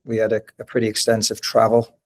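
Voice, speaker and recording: A man's voice: on the low side, completely flat delivery, quick pace, a little hiss or hum. A middle-aged man with a mild northeast English accent, a college soccer coach chatting as a podcast guest, rambling with many restarts. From northeast England. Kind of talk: casual interview conversation.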